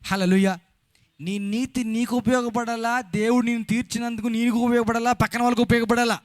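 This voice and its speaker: A man preaching a sermon as a pastor with a Telugu accent, loud and emphatic, calling out hallelujah and reading scripture slowly. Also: extremely high pitch, level tone, no room sound, studio quality.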